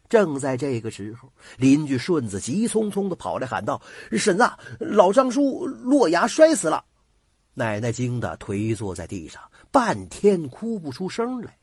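A man's voice: husky, dry recording, clean studio sound. A man narrating a Chinese folk ghost story with a dramatic storytelling manner. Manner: dramatic, sweeping pitch.

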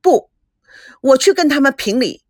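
A woman's voice: high-pitched, lively intonation, moderate pace, no echo, studio quality, pitched above the performer's own voice. Woman reading as a spirited young bride. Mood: distressed. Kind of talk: storybook reading with voices.

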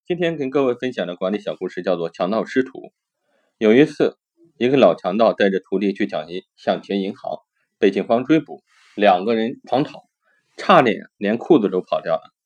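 A man's voice: fairly low pitch, expressive, a little fast. A man hosting a talk show, telling a short story and then reflecting on it in an earnest, thoughtful way. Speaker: host. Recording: dull lo-fi recording.

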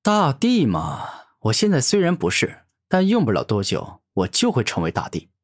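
A man voicing a cocky young male martial hero who taunts his enemy with self-assured calm in a fantasy audio story. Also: medium pitch, moderate pace. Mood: mocking.

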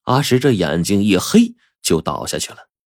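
A man telling a folk tale in a lively, animated storytelling manner. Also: fairly low pitch, moderate pace, dry recording, studio quality. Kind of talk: oral storytelling.

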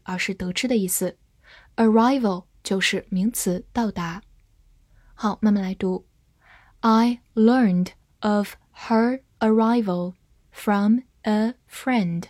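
A woman with a fairly high voice reads out a scripted vocabulary lesson at an unhurried pace. She spells each word letter by letter and models the example sentences with care. The sound is dry and close, with no room around it. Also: a little mellow, no echo. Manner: slow, careful spelling and model readings. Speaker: English teacher.

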